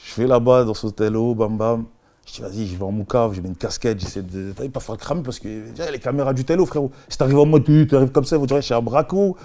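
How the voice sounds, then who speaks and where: A man, an interview guest, telling his story casually in heavy street slang, animated and full of sound effects. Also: mid-range voice, fast.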